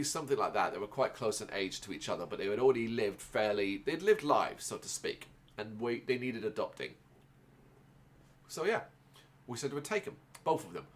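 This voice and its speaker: A man who grew up in Ireland speaks in a loose personal monologue at a middling pitch. He rambles, restarts his sentences and fills the gaps with ums and uhs. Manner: rambling, halting, with many restarts and fillers. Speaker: podcast host.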